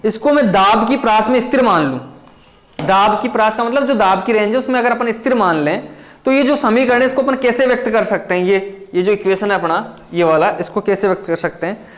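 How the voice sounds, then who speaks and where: A man teaching chemistry, dictating notes line by line and repeating key phrases, quick between the dictation. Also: high-pitched, a bit bright. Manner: talks fast between dictation. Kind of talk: blackboard lecture.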